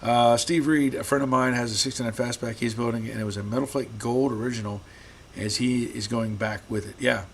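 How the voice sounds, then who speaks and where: A live stream host in his garage works through viewer comments easily yet haltingly, with repeated words. Extended talking has left his mid-range voice rough, and slight background noise is audible.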